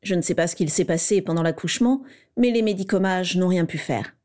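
A woman reading the lines of a smug, playful teenage boy wizard in a storybook reading, in a raised, mellow voice. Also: on the low side, brisk, natural voice. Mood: smug teasing. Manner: playful, self-satisfied.

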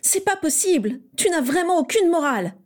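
A woman reading the lines of a proud, curt teenage girl witch in a storybook reading, in a higher, mellow voice. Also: very animated, moderate pace. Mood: curt indignant. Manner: sharp, curt.

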